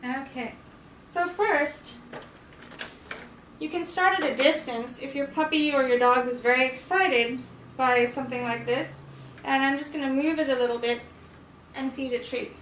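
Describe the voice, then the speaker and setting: A woman dog trainer calmly explaining a demonstration and softly praising the dog. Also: high voice, moderate pace, long pauses, slight background noise. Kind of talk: instructional demonstration. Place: indoors in a house. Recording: roomy sound from a distance.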